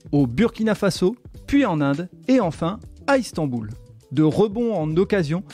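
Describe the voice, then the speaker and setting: A man's voice: a little high, darkish tone. A man hosting a podcast, reading a welcoming intro, then interviewing his guest. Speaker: podcast host.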